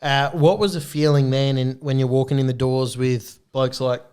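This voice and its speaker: A man with a smooth, clear voice at middle pitch hosts a casual podcast chat. He asks his guests questions and laughs easily along the way. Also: fairly even intonation, normal speed, a little mellow. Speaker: podcast host.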